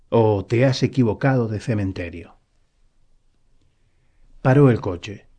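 A man reading a novel aloud as an audiobook narrator, in a calm, even storytelling manner. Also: on the low side.

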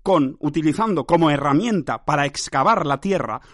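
A man's voice: a little high, expressive, normal speed, fairly bright tone, no echo, clean studio sound. A man from hosting an absurd improvised monologue, speaking theatrically and emphatically and tagging phrases with "¿eh?", as if he were directing himself. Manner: addresses himself by name like a stern director. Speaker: host.

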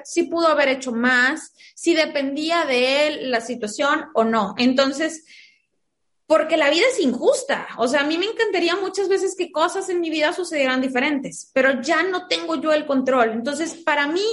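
High-voiced mother telling lively stories. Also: normal speed. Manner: lively anecdotes, acts out quoted dialogue. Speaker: guest, a mother of school-age children. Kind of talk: conversational interview storytelling.

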